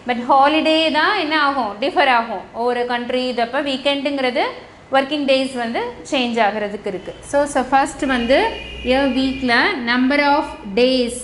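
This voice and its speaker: A woman's voice: sits high, measured pace. A woman with a Tamil accent teaching a lesson to young children. She switches between Tamil and English and spells out words letter by letter. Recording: echoey room with faint noise.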